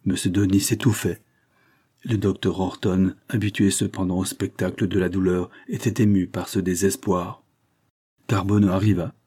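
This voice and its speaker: A man narrating a classic novel as an audiobook, in a measured, dramatic reading. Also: low voice, little pitch movement, warm tone, husky.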